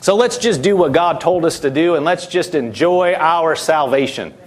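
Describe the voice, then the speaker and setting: A man's voice: on the high side, expressive, moderate pace. A man preaching a sermon, fervent and repetitive, with frequent hallelujahs.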